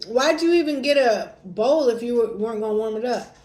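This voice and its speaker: An American woman chatting casually over a meal, telling things in colloquial, animated fashion. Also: on the high side, brisk. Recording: echoey room with faint background noise.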